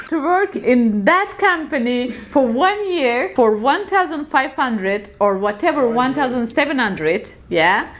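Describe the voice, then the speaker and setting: A young woman from Azerbaijan with an Azerbaijani accent, telling stories in a casual interview and laughing often. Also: sits high. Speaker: interview guest. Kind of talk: casual storytelling chat.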